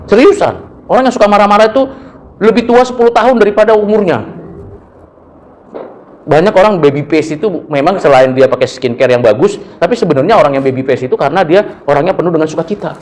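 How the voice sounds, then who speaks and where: Lively preaching man in his fifties. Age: 50s. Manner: lively, colloquial preaching with sudden pitch jumps; slows and softens into closing prayer. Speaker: pastor. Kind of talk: sermon.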